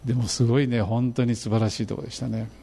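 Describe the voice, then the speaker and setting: A middle-aged man preaching a sermon, animated and fervent, describing travel photos to his congregation. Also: mid-range voice, fast, gravelly, slight background noise. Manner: animated, rising to fervent emphasis. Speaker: pastor.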